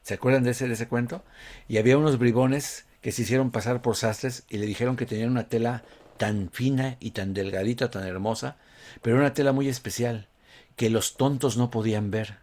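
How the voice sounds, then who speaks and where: A male preacher, speaking in a mid-pitched voice. He preaches in a chatty, conversational way, asking his congregation rhetorical questions and calling them brother. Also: fairly even intonation, fairly quick, a little mellow. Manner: conversational, addresses listeners as "hermano", asks rhetorical questions. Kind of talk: sermon.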